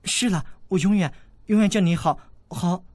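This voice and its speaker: Man putting on a high, timid princess girl for an audiobook, stammering pleas. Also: normal speed, no echo. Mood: pleading. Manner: stammering, pleading.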